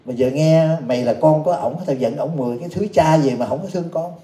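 A sharp-tongued, bossy old lady, voiced by a man who scolds bluntly. The tone stays dark and mellow. A roomy echo hangs behind her words. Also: a little high, quick pace, close to an everyday voice. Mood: scolding.

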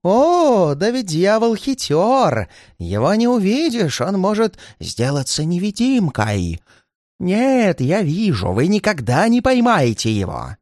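Old man, terrified and paranoid, high and shaky, always near tears; a male reader puts him on. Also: wildly swooping pitch, slow pace, a little mellow, no echo, clean studio sound, heavily acted. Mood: frantic, fearful. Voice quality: shrill, shaky, pleading. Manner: frantic outbursts, near tears. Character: frightened paranoid old man, shrill and tearful.

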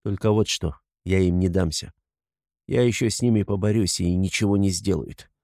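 A man playing a tormented, gloomy young man who speaks bitterly and often quietly in a storybook reading. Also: sits low, fairly even intonation, moderate pace, no room sound, clean studio sound.

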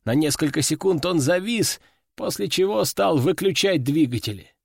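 A man narrating an audiobook in the first person, lively storytelling. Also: fairly high pitch, moderate pace, vocal fry, dry recording, studio quality. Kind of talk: scripted narration.

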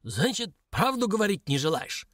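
A man's voice: high-pitched, very animated, normal speed, a bit bright, no room sound, clean studio sound, pitched above the performer's own voice, heavily acted. A man reading an audiobook, voicing a stern, cold old woman shaman who questions curtly. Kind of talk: audiobook character voice.

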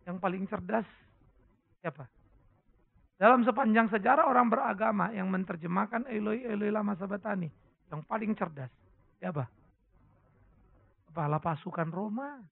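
A man preaching a sermon, asking the congregation questions and breaking into sudden loud cries. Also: high voice, vocal fry. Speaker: pastor. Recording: tinny phone-like lo-fi sermon recording.

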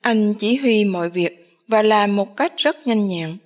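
A woman reads a novel aloud. Her narration is steady and even, and her voice sits in a middle range. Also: mid-range voice, a little slow. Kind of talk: storybook narration.

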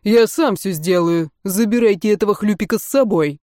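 A woman's voice: mid-range voice, moderate pace, a little mellow, dry recording, clean studio sound, lightly acted. A woman reading the part of a surly, grumbling young man. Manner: grumbling, sulky.

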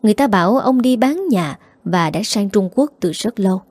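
A woman narrating a dramatic life story in a steady, emotive reading style. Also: medium pitch, moderate pace, breathy edge, no room sound.

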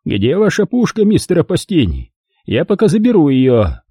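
Casting note: tired commanding security boss, raised pitch, dark husky tone, done by a male narrator. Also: wildly swooping pitch, dry recording, studio quality, heavily acted. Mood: calm. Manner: measured and commanding. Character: calm, weary male security chief. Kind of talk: audiobook character voice.

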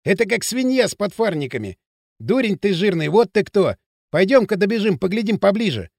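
Brash teen lad, pushy slang, high lively voice, dry close sound; male narrator doing the voice. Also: a little fast, creaky, dry recording, heavily acted. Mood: excited. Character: cocky bossy teenage boy from town outskirts. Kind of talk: audiobook character voice.

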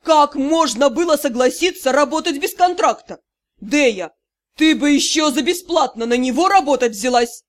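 A woman's voice: high voice, lively intonation, unhurried. A woman doing a ranting young gnome man. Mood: outraged. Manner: ranting, exasperated, theatrical. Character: indignant young male gnome detective, loud and scolding. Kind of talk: audiobook character reading.

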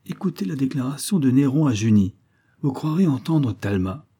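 A man's voice: mid-range voice, animated, moderate pace, warm tone, breathy edge, voice pushed up. A man voicing a vain, showy young Parisian man who declaims poetry in a self-satisfied, half-mocking manner. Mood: showing off.

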